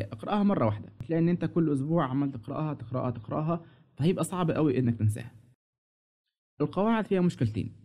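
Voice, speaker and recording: A man's voice: on the high side, mellow. A man with an Egyptian Arabic accent giving a direct, instructive lesson with study tips, speaking straight to the viewer. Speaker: English teacher.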